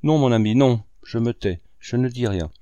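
A man's voice: medium pitch, normal speed, warm tone, clear, resonant tone, no room sound, dull audio, close to an everyday voice. A man voicing a pleading lovesick woman. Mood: bitter, pleading. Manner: imploring, tearful pleading. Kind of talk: audiobook character reading.

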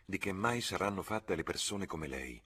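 A man's voice: low-pitched, animated, moderate pace, fairly bright tone, husky, heavily acted. A man voicing a spirited young woman with a slightly raised, impulsive delivery in an audiobook reading.

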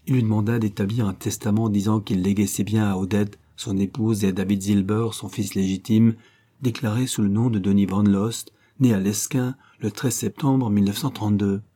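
A man narrates a novel in a steady, measured reading. His voice is low and dark, mellow in tone. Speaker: audiobook narrator. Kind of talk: scripted narration.

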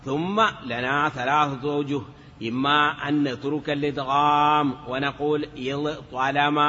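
Male teacher, patient classroom lecturer, bright tense voice, roomy lo-fi lecture recording. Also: a little high, flat delivery. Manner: patient, explanatory, checks understanding with short questions; sounds words out slowly, syllable by syllable. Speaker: teacher of Arabic morphology.

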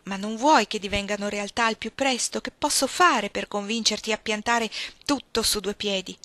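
Woman reading a young guy pushing his fiancée, earnest and pleading, bright sound. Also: mid-range voice, normal speed, no room sound, close to an everyday voice. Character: young man, impatient anxious fiancé. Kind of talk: audiobook reading.

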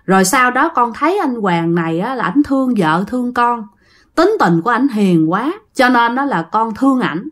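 A woman's voice: animated, normal speed, fairly bright tone. A woman voicing a pleading female ghost who has possessed a man and begs in a whiny voice. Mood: wistful. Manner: whiny begging, rising to high pleas.

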